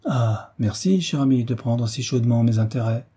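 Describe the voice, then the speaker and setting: A man's voice: on the low side, fairly even intonation, normal speed, dark tone, breathy edge. A man voicing an eager, impulsive young officer in an audiobook reading. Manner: eager, fervent.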